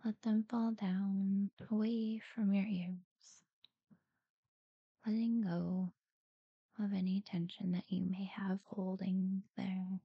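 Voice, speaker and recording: A woman guiding a sleep meditation in a soft, breathy near-whisper, soothing and unhurried, with long pauses between short phrases. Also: mid-range voice, level tone, no echo, dull audio. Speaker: guided relaxation narrator. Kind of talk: guided sleep meditation talkdown.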